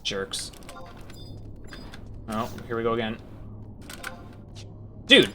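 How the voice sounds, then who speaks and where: A young man with a bright, crisp voice talks casually through a video game run, half to himself. His commentary jumps from low muttering to loud yells. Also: lively intonation, drawn-out words, slight background noise. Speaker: speedrunner. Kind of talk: live gameplay commentary.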